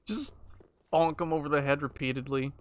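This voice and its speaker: A young man streaming a video game, muttering sarcastic commentary, swearing and yelling at enemies. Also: mid-range voice, dry recording. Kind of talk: casual gameplay commentary.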